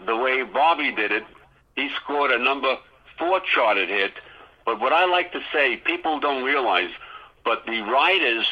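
A man's voice: medium pitch, bright, forceful tone, rough recording. A man co-hosting a radio show as a DJ, rattling off music facts in casual chat and restarting his sentences often. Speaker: guest co-host DJ.

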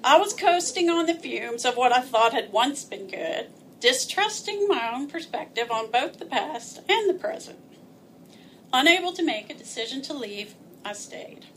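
A woman's voice: fairly high pitch, fairly bright tone, a little hiss or hum. A woman telling a personal story aloud in a wry, self-mocking way, often laughing as she speaks.

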